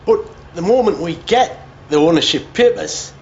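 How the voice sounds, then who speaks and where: An actor playing a decent working-class builder who talks in an earnest, uneasy way. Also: male voice, high voice, animated, normal speed, highs cut off, slight background noise.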